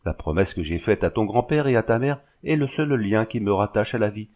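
A man's voice: lowish voice, expressive, a little fast, a little mellow, natural voice. A man reading the lines of a proud, wounded young woman, speaking with bitter pride. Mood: tender.

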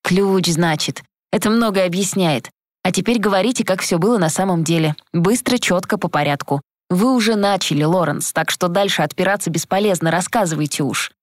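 A woman voicing a tired, sharp-tongued male detective who talks slowly and with sarcasm. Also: on the low side, dry recording, clean studio sound, natural voice. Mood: commanding. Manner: slow, drawling, sarcastic.

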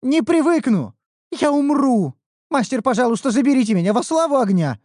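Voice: mid-range voice, animated, moderate pace, a little mellow, dry recording, studio quality, voice pushed up, lightly acted. A narrator voicing a whiny young female red elf apprentice who complains and pleads dramatically in an audiobook. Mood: pleading. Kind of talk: audiobook character voice.

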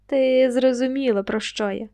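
A woman's voice: high voice, fairly even intonation, normal speed, warm tone. A woman voicing a tired, troubled young man speaking tersely to his lover. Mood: weary.

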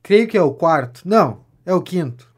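Playing a pompous political know-it-all, a vain gentleman pamphleteer, in a 19th-century comedy audio drama, this Brazilian-accented man uses a fairly high voice with a breathy edge at normal speed. He's smug and fawning, declaiming grandly and flattering lavishly.

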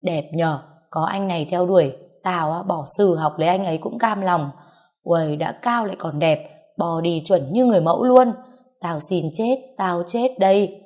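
Gossipy teenage schoolgirls gushing over a handsome stranger, as a woman narrator puts them on. The speech stays in her mellow, lowish register. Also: normal speed, lightly acted. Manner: gushing, excitable.

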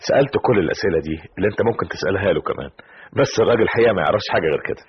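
An actor playing a calm Egyptian teacher with an Egyptian accent who explains and soothes, in an old radio drama. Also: male voice, low voice, rapid-fire, slightly rough, heavily acted. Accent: Egyptian Arabic. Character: calm male Egyptian teacher, steady helper. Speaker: teacher who brings news. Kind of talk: 1970s radio drama acting. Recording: dull old radio recording.

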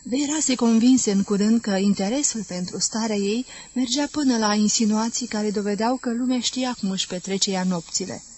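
Woman reading a novel aloud, measured. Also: medium pitch, a little mellow, poor audio. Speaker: audiobook reader. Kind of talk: literary audiobook narration.

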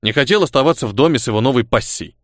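A man's voice: mid-range voice, expressive, racing, a bit bright, dry recording, clean studio sound, close to an everyday voice. A man voicing a sulky, defiant young grandson who grumbles back at his grandmother.

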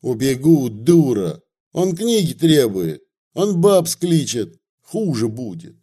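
A man's voice: mid-range voice, sing-song, takes it slowly, warm tone, husky, full character voice. A man doing a panicky frightened villager. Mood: panicked. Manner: pleading, frantic.

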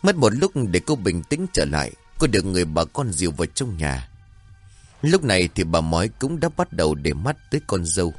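A man's voice: deep voice, sing-song, brisk, faint music behind. A man narrating a scripted horror story in a dramatic, suspenseful way.

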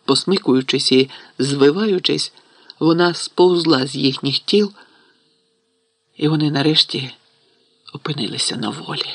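A man narrating a fantasy audiobook in a steady storytelling manner. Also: a little high, a little slow, long pauses, dry recording. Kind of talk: scripted narration.

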